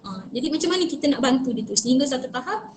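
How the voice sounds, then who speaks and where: A woman's voice: high-pitched, expressive, very fast, roomy sound, a little hiss or hum. A woman from Malaysia giving an earnest, advisory online talk to parents over a video call, mixing English phrases into her speech. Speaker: speaker on child protection.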